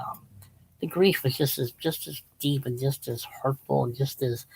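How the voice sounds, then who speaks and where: Hoarse, gravelly man rambling about books. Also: fairly high pitch, darkish tone, low-quality recording. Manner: rambling, restarts often, drifts off topic. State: losing his voice. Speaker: channel host. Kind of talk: casual rambling book talk.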